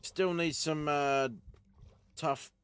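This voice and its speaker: A man's voice: fairly high pitch, fairly even intonation, drawn-out words, background noise. A man rambling casually over his gameplay, talking to himself and his teammates. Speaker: gaming streamer.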